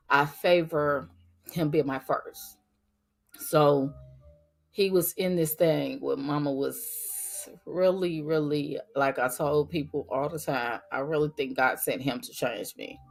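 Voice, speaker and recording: A middle-aged woman hosts a faith-based podcast, speaking earnestly and emphatically straight to her listeners. Her deep voice has gone raspy from a cold.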